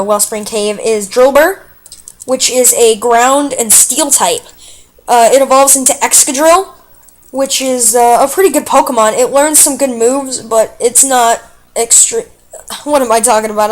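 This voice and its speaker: A chatty woman talks through a let's play in a fairly high voice, explaining her choices as she goes. Her delivery is casual and excitable, full of fillers, and she reacts out loud to every twist in the game. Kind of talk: casual gameplay commentary.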